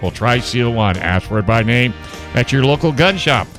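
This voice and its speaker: A man co-hosting a radio show, delivering a chipper, punchy sponsor pitch like an old-fashioned ad. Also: lively intonation, normal speed. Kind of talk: live radio banter and sponsor read in a chipper ad-pitch manner. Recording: music bed behind the voice.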